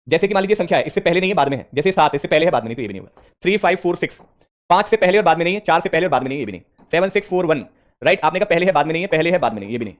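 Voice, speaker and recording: A man's voice: on the high side, highs cut off. A man teaching a reasoning class live online, repeating questions and coaxing his students with English terms mixed in.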